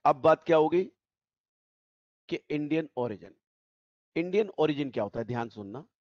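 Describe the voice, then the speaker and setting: A man's voice: fairly high pitch, darkish tone, no room sound, muffled recording. A male teacher giving an online tax class, explaining step by step and repeating the key points. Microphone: video call.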